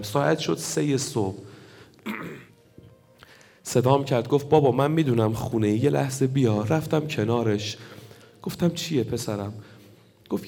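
A man's voice: medium pitch, creaky, a little mellow. A man delivering an emotional storytelling sermon at a mourning gathering, retelling a story with quoted dialogue and building to impassioned intensity. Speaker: religious speaker at a mourning gathering. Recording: long hall reverb.

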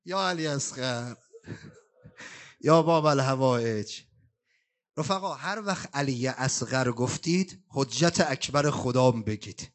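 A man giving a mourning sermon at a religious gathering, switching between quick spoken asides and slow, drawn-out chanted lamentation. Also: medium pitch, lively intonation. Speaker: eulogist reciting a mourning elegy. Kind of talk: Shia mourning sermon with chanted Arabic recitation. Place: shrine gathering hall.

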